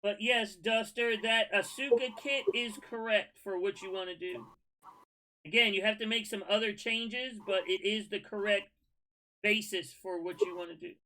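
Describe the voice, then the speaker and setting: A man, hosting a casual scale modeling livestream and giving relaxed, folksy advice to viewers. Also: high-pitched, normal speed.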